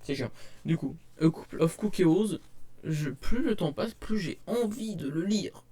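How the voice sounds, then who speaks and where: Young male vlogger at a desk webcam, slightly high voice, rambling and hesitant, shy. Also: animated, a little slow, mellow. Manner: rambling, hesitant, many fillers and restarts; self-described shy. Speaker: manga collector showing purchases. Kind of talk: casual haul vlog to camera. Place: at home at a desk.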